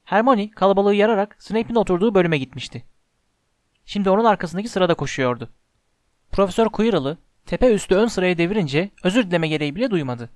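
A man narrating a storybook aloud in a steady, measured reading voice, close to the mic. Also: sits high, no echo. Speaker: audiobook narrator.

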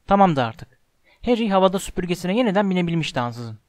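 A man's voice: high voice, sing-song, fast talker, no echo. Man reading a storybook, dry and close. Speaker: audiobook narrator. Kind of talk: storybook narration.

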